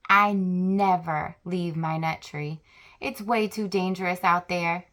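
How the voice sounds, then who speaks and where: A woman's voice: on the low side, steady tone, a bit bright. A woman reading aloud as a timid, anxious male storybook squirrel who is overprepared for danger. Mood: nervous. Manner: reading in the first person, careful and slow.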